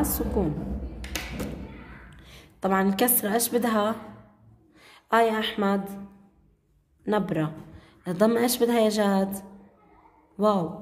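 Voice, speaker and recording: A woman teacher, quizzing pupils by name and repeating grammar rules slowly. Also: mid-range voice, darkish tone, reverberant, long reverb tail, a little hiss or hum. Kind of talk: classroom grammar lesson. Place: classroom.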